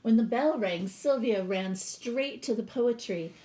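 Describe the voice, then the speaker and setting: Reading a children's story expressively, a woman who teaches stops to casually describe the illustrations for her audience. Her voice is a little high and warm, though the recording is rough.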